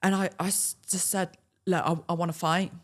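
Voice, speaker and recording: Lively young Englishwoman telling stories. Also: fairly low pitch, brisk. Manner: lively, laughs often, acts out quoted dialogue. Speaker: podcast guest. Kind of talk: casual storytelling.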